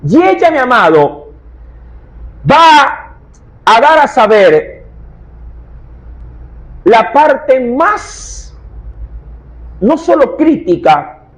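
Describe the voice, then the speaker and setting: A man's voice: extremely high pitch, very animated, extremely slow, long pauses, poor audio. A male pastor, preaching a sermon in a dramatic, emphatic way and often addressing his listeners as his beloved.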